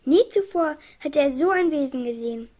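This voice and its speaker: A woman narrating a children's storybook in a clear storytelling manner. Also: sits high, lively intonation, moderate pace, warm tone. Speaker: audiobook reader.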